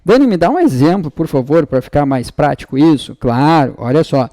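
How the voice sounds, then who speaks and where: Male teacher, slightly high, dry close sound, acts out student questions. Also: lively intonation, normal speed, warm tone, no room sound. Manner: explains step by step, checks in with frequent tag questions. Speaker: exam-prep Portuguese teacher. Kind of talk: online lesson.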